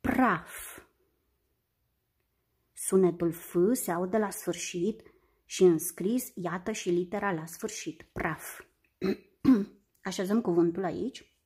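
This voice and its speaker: A woman teaching young children a phonics lesson, sounding out letters and syllables slowly and carefully. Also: fairly low pitch, warm tone, slightly rough.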